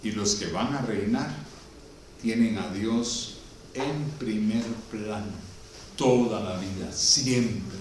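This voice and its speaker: A man preaching a sermon with a Guatemalan Spanish accent, swinging from loud exclamations to quiet storytelling. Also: lowish voice, takes it slowly, distant mic. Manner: preachy, rises to loud exclamations then drops to soft storytelling. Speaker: pastor. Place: church hall. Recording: echoey room, speaker off-mic, faint background noise.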